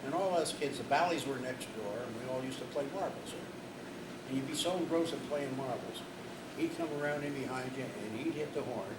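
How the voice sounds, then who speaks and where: An older man, animated and exclaiming, reminiscing with stories on a panel in a library meeting room. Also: medium pitch, brisk. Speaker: panel storyteller. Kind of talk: reminiscing storytelling. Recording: distant, echoey, loud background noise.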